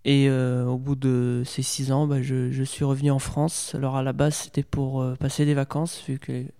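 A man's voice: medium pitch, completely flat delivery, normal speed, vocal fry, dark tone, clear, resonant tone, in a large hall. A young man from Portugal, answering interview questions hesitantly with many fillers and restarts. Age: young adult. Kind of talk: casual interview.

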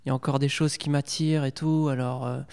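Young male interviewee, hesitant and halting, flat warm voice, reverberant room. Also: mid-range voice, clean tone. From Portugal. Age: young adult. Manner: hesitant, many fillers and restarts. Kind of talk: casual interview.

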